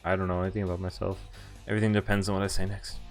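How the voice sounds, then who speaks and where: Low-pitched and flat, a streamer rattles off visual novel text at rapid-fire speed over game music. He tosses in casual, amused jokes as he goes.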